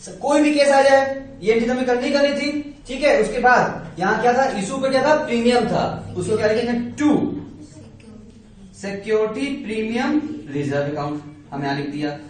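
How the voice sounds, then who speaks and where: A man's voice: very high voice, normal speed, a little hiss or hum. A man teaching a commerce class, repeating key terms, quizzing his students and reassuring them. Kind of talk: classroom lecture. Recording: echoey room from far off.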